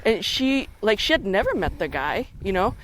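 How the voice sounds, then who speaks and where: A woman's voice: medium pitch, normal speed, a little hiss or hum. A woman chatting as a podcast guest while out on a hike, telling stories with lots of energy and frequent swearing. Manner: animated storyteller, swears freely. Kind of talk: casual chat on a hike. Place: outdoors on a hiking trail.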